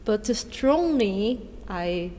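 Korean woman, mellow voice in a reverberant room. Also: medium pitch, expressive. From South Korea. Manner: earnest, halting non-native English with restarts. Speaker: dancer and choreographer. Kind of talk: interview answers. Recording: reverberant room with faint noise.

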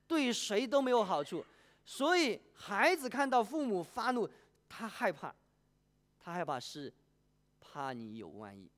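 A preacher delivering a sermon, asking the congregation questions and polling them by a show of hands. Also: medium pitch. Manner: animated, poses questions and polls the congregation.

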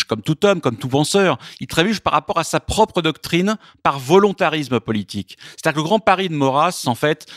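A man, a guest author in a radio interview, explaining at length in a measured way with frequent hesitations and repeated words. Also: on the high side, no echo, clean studio sound.

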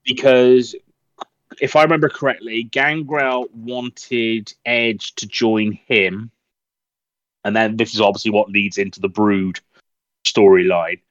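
A man's voice: lowish voice, fairly even intonation, takes it slowly, dry recording, dull audio. A man co-hosting a podcast, telling stories in a chatty, rambling way. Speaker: podcast co-host. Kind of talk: casual chat.

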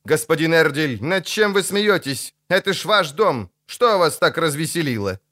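A man voicing a gloomy middle-aged priest who gives grave, measured warnings in an audiobook. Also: a little high, big pitch swings, bright, forceful tone, dry recording, studio quality, pitched above the performer's own voice.

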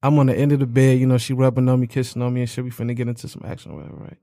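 A man's voice: medium pitch, rapid-fire, dry recording, studio quality. A young man in a casual podcast chat, telling a story in slangy talk and acting out the lines of the people in it. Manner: animated, slangy, acts out quotes. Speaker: podcast co-host.

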